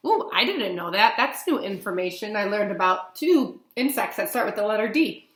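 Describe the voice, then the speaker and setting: With a medium-pitched, expressive voice at normal speed, a woman in her thirties reads to young children as their teacher. She stresses key words and letter names, explains simply, and often questions her listeners during the read-along lesson. Echoey, roomy webcam sound places her indoors in a small plain-walled room.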